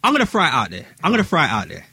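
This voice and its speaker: A man's voice: fairly high pitch, wildly swooping pitch, rapid-fire, sharp tone, slightly rough, dry recording. A man with an urban London street accent telling a story in casual, slang-heavy talk, repeating phrases for emphasis.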